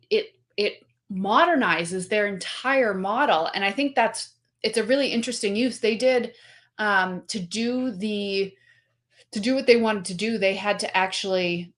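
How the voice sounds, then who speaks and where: Talkative woman interview guest, mid-range voice, animated, heavy on fillers and restarts. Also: medium pitch. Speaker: guest, company representative. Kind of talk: casual conversational interview.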